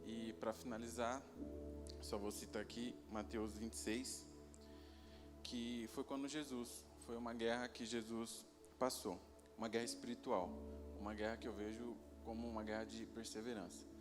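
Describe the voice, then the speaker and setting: A man sharing a calm, reflective sermon, pausing and restarting as he thinks. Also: mid-range voice, long reverb tail, music in the background. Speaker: lay preacher.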